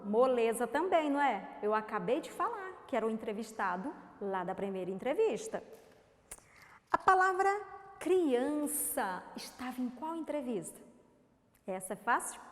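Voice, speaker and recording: A woman's voice: on the high side, echoey room, in a large hall. A woman teacher with a Brazilian accent, giving a lesson to young children and coaxing them with questions. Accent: Brazilian Portuguese. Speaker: primary school teacher. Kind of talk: remote class lesson for children.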